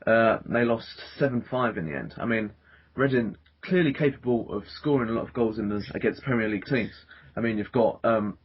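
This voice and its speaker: A man's voice: on the low side, fairly quick, slightly rough. A man hosting a casual football podcast, talking with many fillers and restarts. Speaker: podcast host. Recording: dull lo-fi podcast audio.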